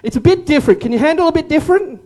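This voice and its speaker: Male pastor, unusually high pitch, lively sermon full of jokes and call-and-response. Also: racing. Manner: animated, joking, repeats words, calls on audience. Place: church service room.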